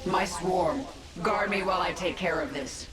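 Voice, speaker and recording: Low, echoing alien swarm queen. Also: moderate pace, heavy background noise. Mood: cold, resolute. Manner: imperious, terse commands. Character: cold, commanding alien queen of an insect-like swarm. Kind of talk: dramatic video game acting. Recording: echoey, distant, under loud music.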